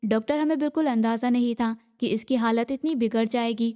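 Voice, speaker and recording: A woman's voice: fairly high pitch, lightly acted. A woman reading as an exasperated young husband. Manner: sharp, defensive. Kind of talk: audiobook reading.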